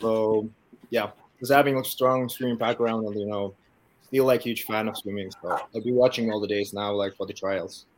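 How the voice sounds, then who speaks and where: Finnish guy on a video call, polite, english a little halting, light background hum. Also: on the low side, fairly even intonation. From Finland. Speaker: caller, retired swimmer. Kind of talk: casual chat.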